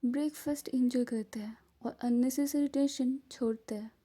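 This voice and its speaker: A woman voicing a self-assured young female billionaire with a sharp, dismissive way of talking. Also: high voice, steady tone, moderate pace, breathy edge.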